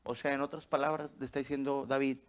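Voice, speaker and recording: A man's voice: medium pitch, level tone, fast talker, smooth. A man preaching a sermon as pastor, tossing out rhetorical questions and checking in with the congregation as he goes.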